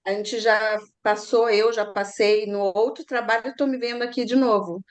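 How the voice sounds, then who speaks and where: A woman speaks up as a student in an online class. She talks a bit hesitantly, and her voice is somewhat high. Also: fairly even intonation, moderate pace. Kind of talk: class discussion.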